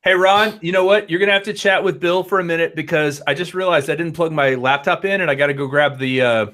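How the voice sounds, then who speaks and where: A man in his late forties, a guest on an online video-call chat, telling rambling stories in a lively, animated way. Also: a little high, fast talker. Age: 40s. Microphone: headphones and laptop on a video call.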